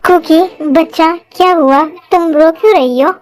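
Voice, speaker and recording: A woman's voice: extremely high pitch, unhurried. A woman voicing a caring mother in a Hindi fan-dub drama, talking in a soothing motherly manner. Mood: gentle. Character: caring mother of a teenage girl.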